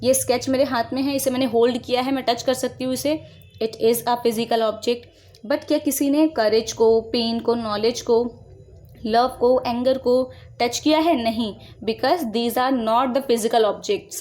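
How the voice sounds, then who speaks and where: A young adult woman teaches a class of children, patiently explaining each term and regularly pausing to ask if they follow. She has a slightly high voice and calls her pupils dear as she walks them through examples. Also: fairly even intonation, darkish tone. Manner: addresses students as beta, frequent "है ना?" check-ins, explains slowly line by line.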